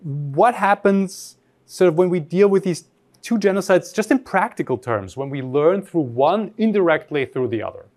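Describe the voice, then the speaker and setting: A man's voice: high voice, expressive, moderate pace, a little mellow. A man from Austria giving an academic lecture, reflective and posing rhetorical questions to his audience.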